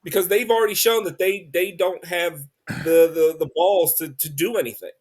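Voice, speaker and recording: Higher-voiced man ranting earnestly. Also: moderate pace, a little mellow. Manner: earnest and ranting, with restarts and fillers. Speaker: podcast co-host. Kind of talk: casual political chat.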